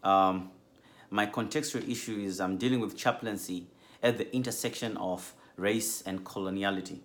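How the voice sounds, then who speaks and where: A man from Zimbabwe giving a measured, earnest class introduction as a doctoral theology student, with frequent ums. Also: low voice, steady tone.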